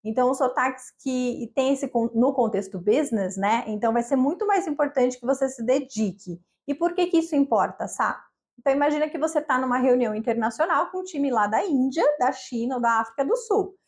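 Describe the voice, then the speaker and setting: A woman's voice: sits high, lively intonation, brisk, darkish tone. A woman from Brazil, an English teacher, giving an upbeat, conversational lesson straight to the camera.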